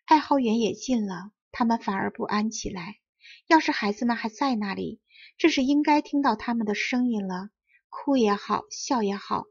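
Husky woman reading a storybook. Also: on the high side, highs cut off. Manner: clear, carefully enunciated reading. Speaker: audiobook reader. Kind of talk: storybook narration.

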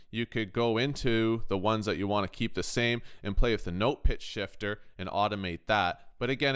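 Recorded indoors as a voice-over on a screen recording, a man with a fairly low, slightly bright and clean-toned voice hosts an informal music production tutorial. He stays conversational, thinking aloud as he explains and often checking in with the listener.

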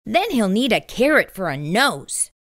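A middle-aged woman reading aloud to young children in an expressive storytime voice, as a children's host. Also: medium pitch, a little slow, dry recording, clean studio sound.

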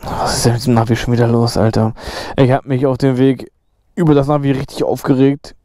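A young man motovlogs from his motorcycle in the rain, chatting casually with lots of slang, swearing and laughter as he rides. His mid-range voice is a little fast with little pitch movement. The recording is dry with a clean studio sound, yet loud road and engine noise comes through.

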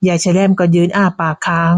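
A woman's voice: fairly low pitch, level tone, quick pace, no echo. Woman narrating a moral tale. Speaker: storyteller.

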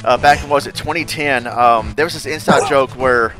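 A man hosting a casual interview, an animated storyteller who laughs often and acts out quotes. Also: mid-range voice, normal speed, faint music behind. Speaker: podcast host.

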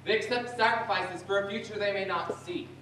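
A man's voice: high-pitched, steady tone, brisk, noisy background. A man giving a solemn theatrical speech on a stage. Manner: solemn, declaiming. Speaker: stage performer. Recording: echoey theater from far off, music behind.

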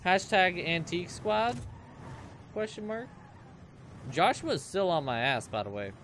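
A man in his twenties talks viewers through his game in loose, joking banter. His voice sits slightly high for a man. A faint noise runs beneath it. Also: big pitch swings, measured pace, a bit bright. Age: 20s. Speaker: let's play host. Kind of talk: gameplay commentary.

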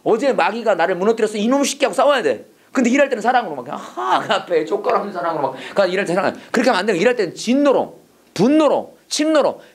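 This Bible and English teacher, a middle-aged man, lectures emphatically with a preachy tone, leading students through call-and-response drills. His high-pitched voice is very animated and fast, with a breathy edge.

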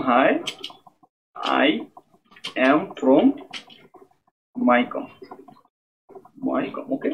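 A man's voice: on the high side, a bit bright. A man giving a screen-recorded coding lesson, explaining step by step and often checking in with "okay?". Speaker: programming tutor. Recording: tinny phone-like mic with faint noise.

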